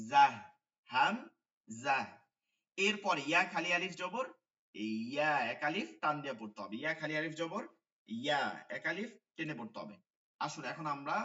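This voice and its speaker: A man's voice: on the high side, pushed and bright, echoey room, far from the mic, dull audio. A man teaching Quran letter pronunciation in an online class, patiently repeating the sounds and checking with his students. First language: Bengali.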